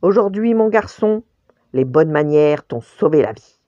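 A woman's voice: low voice, expressive, unhurried, dark tone, no echo, dull audio. A woman voicing a huge, stern mother bear who scolds and insists on good manners. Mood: lecturing.

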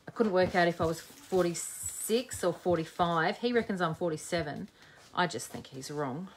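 Poor audio with a little hiss or hum carries a lowish female voice at normal speed. She's a craft video host in her forties, chatting, joking, and thinking aloud during a live demo of a craft project.

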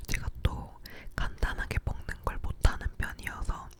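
Close to an ear-to-ear mic by her mouth, a young woman gently whispers a relaxed ASMR chat about daily life. The ASMR creator records in her home living room, murmuring softly and at an easy pace.

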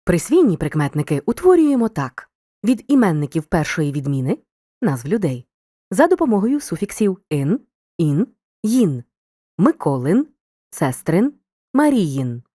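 A woman narrating a scripted video lesson in a mellow, slightly low voice. Her pitch rises and falls widely as she sets out each example clearly and deliberately. The recording is a dry, close studio voice-over. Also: very animated, no echo. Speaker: teacher.

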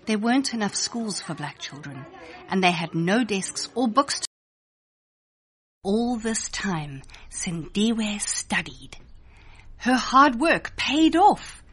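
With a mid-range voice, a woman narrates a children's storybook from a script, reading it aloud with deliberate, expressive phrasing.

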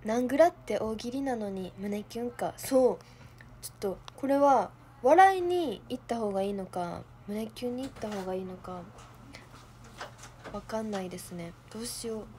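Giggly Kansai young woman, lively pitch. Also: moderate pace, slight background noise. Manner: playful, giggly, thinking aloud. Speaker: idol livestream host. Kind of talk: casual livestream chat.

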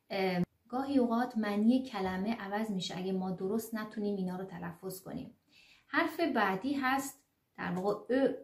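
Female language teacher, mid-pitched, patient and explanatory, many fillers, echoey room. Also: darkish tone. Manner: explanatory, repeats sounds slowly with many fillers. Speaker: German teacher. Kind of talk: online language lesson.

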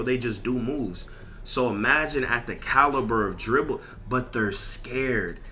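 Venting over his game on a livestream, this American content creator swears a lot, leans on slang and hammers the same points again and again. He speaks in a mid-range voice that sounds pushed and bright.

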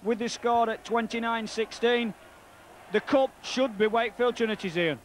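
A man's voice: very high-pitched, steady tone, moderate pace. A man giving live commentary on a rugby league match. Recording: outdoor match noise behind commentary. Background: stadium ambience, whistling crowd.

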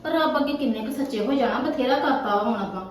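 A woman's voice: high-pitched, quick pace, distant mic, close to an everyday voice. A woman playing an irritable wife in a family drama, grumbling and scolding about household money. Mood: annoyed. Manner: scolding, sharp-tongued, grumbling. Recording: echoey room, voice off-mic, faint noise.

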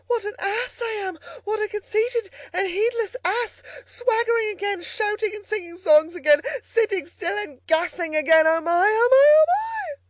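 A storyteller voicing a conceited, excitable fat male toad from a storybook, exclaiming in a boastful, dramatic way. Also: very high voice, normal speed, no echo, pitched above the performer's own voice. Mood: panicked, self-reproaching. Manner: boastful, exclamatory, swings from crowing to lamenting.

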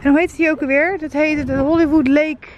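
Brisk and high-pitched, a young travel vlogger from the Netherlands chats in a playful, excitable, blunt way. The lo-fi audio comes from a handheld camera held at arm's length, recorded in a moving car and out on streets and at viewpoints, with music on top and traffic and street sounds in the background.

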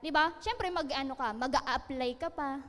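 A woman speaks to a room in a high, bright voice, teasing her listeners and laughing at her own jokes. Her words ring out with a long hall reverb behind them, as in a seminar space. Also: normal speed. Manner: joking, laughing, asks listeners questions. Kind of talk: lively seminar talk.

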